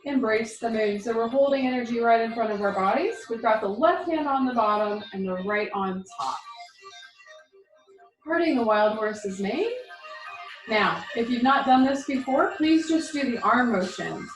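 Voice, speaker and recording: A woman's voice: fairly high pitch, animated, moderate pace. A woman leading a tai chi class, giving spoken movement cues in an encouraging, reassuring and informal way. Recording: roomy echo, music behind.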